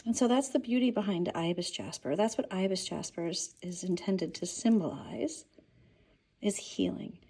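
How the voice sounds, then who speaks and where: A woman's voice: on the low side, normal speed, mellow, slightly rough. A woman who runs a crystal shop, showing stones on a casual tour and talking with enthusiasm, sometimes dropping to a whisper. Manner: enthusiastic, drops to whispers now and then. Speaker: shop owner. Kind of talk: product showcase tour. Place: crystal and mineral shop, indoors.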